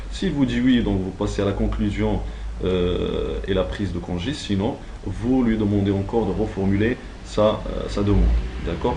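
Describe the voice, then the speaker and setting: With slight background noise behind him, a man with a lowish, dark-toned voice teaches call-centre phone skills. He explains each step in a didactic, partly improvised way and checks for understanding as he goes.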